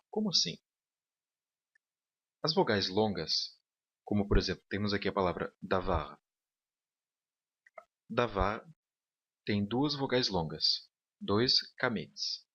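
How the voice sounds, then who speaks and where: A man's voice: fairly low pitch, expressive, a little slow, pauses often, pushed and bright, slightly rough. A man teaching a recorded online lecture, explaining step by step and often checking in with his students. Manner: patient, checks in with "tá bom?". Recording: dull lo-fi audio.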